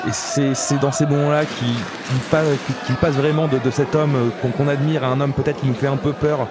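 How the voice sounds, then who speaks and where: A man giving analytical wrestling commentary in a measured, somewhat halting way with repeated words. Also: medium pitch, steady tone, heavy background noise. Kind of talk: analytical live sports commentary. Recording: loud music and crowd behind. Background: loud music, crowd at wrestling show.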